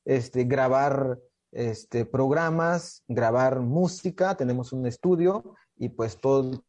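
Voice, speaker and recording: Hesitant Mexican man with a mellow voice. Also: mid-range voice. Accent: Mexican Spanish. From Chiapas, Mexico. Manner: hesitant, many filler pauses. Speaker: community radio producer, guest. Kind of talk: casual explanatory talk.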